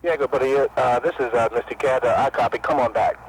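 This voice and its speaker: A fast-talking CB trucker over CB radio. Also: male voice, medium pitch, fairly even intonation. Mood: radio chatter. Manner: quick trucker radio talk with fillers. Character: chatty male CB trucker called Misty Cat. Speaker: CB radio operator. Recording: CB radio with heavy noise.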